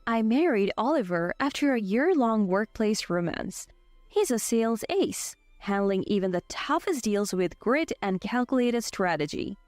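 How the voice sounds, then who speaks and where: A woman in her twenties narrating a scripted first-person story with an even, steady delivery. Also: on the high side, measured pace, dry recording, studio quality, soft background music. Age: 20s.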